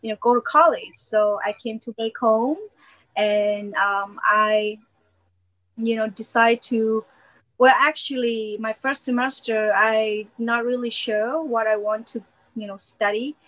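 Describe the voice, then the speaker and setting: Woman from Myanmar, interview guest, simple halting English, a bit high. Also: steady tone, a bit bright, low-quality recording. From Myanmar, grew up in Thailand. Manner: simple phrasing, many "you know" fillers. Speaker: missionary guest. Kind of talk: interview answers.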